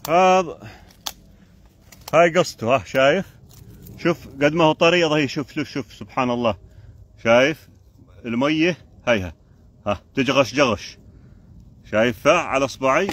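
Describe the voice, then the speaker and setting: A man's voice: mid-range voice, moderate pace, pauses often, a bit bright. A man with a Jordanian Arabic accent chatting casually on a live stream while foraging outdoors in a forest, keeps pointing things out to the viewer.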